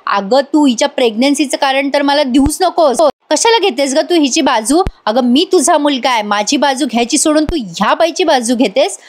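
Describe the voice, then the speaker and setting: A woman's voice: high-pitched, normal speed, hardly any pauses, close to an everyday voice. A woman voicing a lazy, spoiled young man who snaps and whines at his wife and mother, in a soap recap. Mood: snapping. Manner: whining, snapping.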